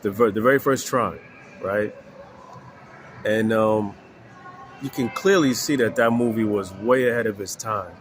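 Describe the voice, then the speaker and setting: A man in his forties, congested from allergies, talking slowly to viewers about faith and films with many pauses, fillers and "right?". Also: on the low side, faint music behind. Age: 40s. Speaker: faith vlogger. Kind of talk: casual spiritual talk to viewers.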